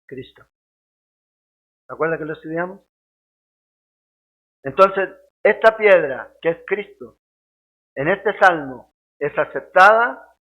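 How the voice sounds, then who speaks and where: A man teaching a Bible study as a pastor, lively and conversational, often checking that listeners follow. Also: sits high. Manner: keeps asking "¿ya?" to check understanding, lively and conversational. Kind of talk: sermon-style Bible teaching. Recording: tinny phone-like sound.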